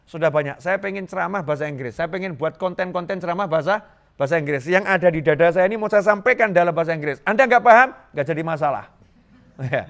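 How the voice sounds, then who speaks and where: A middle-aged man from Indonesia preaching a sermon to a congregation, lively and joking, repeating phrases for emphasis. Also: sits high. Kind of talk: Islamic sermon to a live congregation.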